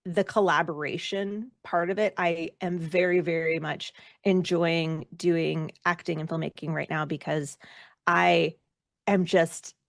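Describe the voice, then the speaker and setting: A woman's voice: fairly low pitch, steady tone, measured pace, gravelly, no echo, clean studio sound. A woman chatting casually as an interview guest, effusive and informal in the way she talks. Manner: effusive, informal, emphatic about loving the work. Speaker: guest, actor and former rock singer.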